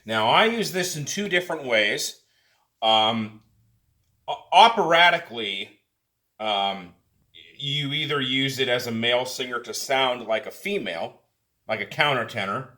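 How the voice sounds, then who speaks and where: A man, a tenor, giving a casual spoken singing lesson in a relaxed, halting way with many fillers and restarts. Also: medium pitch. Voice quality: tenor speaking voice. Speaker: singing teacher.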